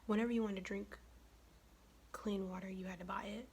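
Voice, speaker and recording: A young woman from the United States whispering in a close, raspy ASMR voice, her throat worn from illness, telling a blunt, profane, chatty story. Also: medium pitch, steady tone, a little fast, darkish tone, a little hiss or hum. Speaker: ASMR vlogger.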